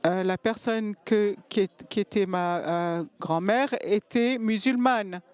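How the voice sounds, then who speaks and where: A woman giving a simultaneous interpretation of a panel talk, halting and pausing to find words. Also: mid-range voice, a little mellow, smooth.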